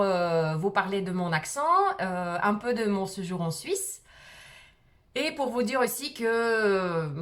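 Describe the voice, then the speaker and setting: Her voice sits in the mid range with a fairly bright tone. She's a middle-aged Russian vlogger with a light accent, recounting something personal to the camera haltingly and saying "euh" again and again.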